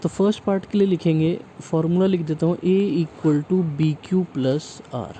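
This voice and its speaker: A man's voice: fairly high pitch, unhurried, mellow, slight background noise, rough recording. A man teaching a math lesson, explaining step by step and checking in often with the class.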